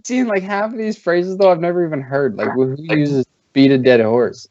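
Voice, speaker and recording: A man's voice: fairly high pitch, moderate pace, darkish tone, dry recording. Male host, casual profane banter, dry muffled stream audio. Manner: loose, profane, mimics friends. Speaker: podcast host. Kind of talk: casual gaming chat.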